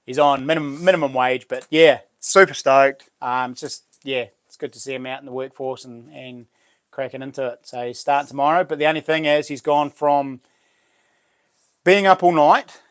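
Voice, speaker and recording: A middle-aged livestream host with a broad New Zealand accent chats casually with his viewers, laid-back, slangy and matey. His mid-range voice is clear and resonant, with a steady tone and moderate pace.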